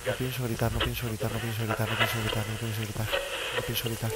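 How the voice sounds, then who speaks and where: A man's voice: lowish voice, level tone, quick pace. A man from Spain giving casual, chatty gameplay commentary as a streamer, swearing freely and talking to his chat. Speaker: streamer playing a horror game. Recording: loud rain noise behind.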